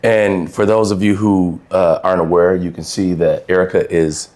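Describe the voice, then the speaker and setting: A middle-aged man co-hosting a podcast, his voice hoarse from yelling, telling the story in a relaxed, steady way while recording on location. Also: low-pitched, moderate pace. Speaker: podcast co-host. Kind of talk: casual chat. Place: on location, not in a studio.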